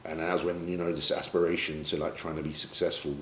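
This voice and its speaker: Deep-voiced British bodybuilder, frank and emotional, in an echoey room. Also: male voice, flat delivery, fast talker, fairly bright tone, slight background noise. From Britain. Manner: emotional, reflective, swears casually. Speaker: pro bodybuilder guest. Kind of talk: candid sit-down interview. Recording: roomy echo, faint ambience.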